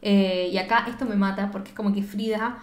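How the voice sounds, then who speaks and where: Una mujer joven con acento argentino que charla de forma informal y animada sobre una película, con mucha jerga y actuando las frases de los personajes. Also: female voice, medium pitch, a little fast. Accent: Argentine Spanish. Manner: animated, slangy, acts out lines of the characters. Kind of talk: casual chat recapping a film. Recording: echoey room.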